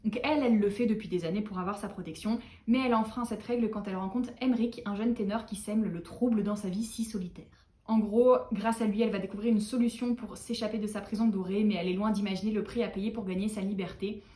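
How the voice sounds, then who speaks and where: A tired young woman chatting casually to camera as a book vlogger, animated and self-mocking. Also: mid-range voice, fast, few pauses. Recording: echoey room.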